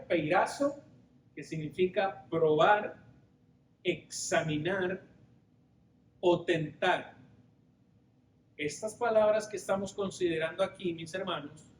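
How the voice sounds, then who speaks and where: A man preaching a Bible study sermon to his congregation in an echoing church hall with a faint rumble behind. His voice sits high and he takes his time, putting question after question to the listeners. He unpacks Greek words patiently. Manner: rhetorical, explaining Greek words slowly.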